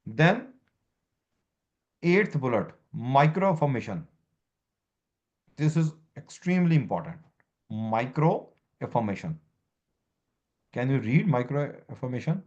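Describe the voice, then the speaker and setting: A man's voice: medium pitch, very animated, slow pace, long pauses, a little mellow, lo-fi sound. A man lecturing a student as a law exam tutor, repeating key terms and quizzing her, in broken English. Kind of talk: informal lecture.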